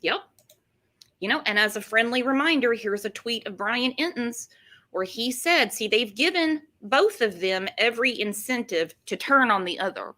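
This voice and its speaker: Bright, higher-voiced woman hosting true-crime talk. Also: expressive, moderate pace. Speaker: host. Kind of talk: casual true-crime commentary chat.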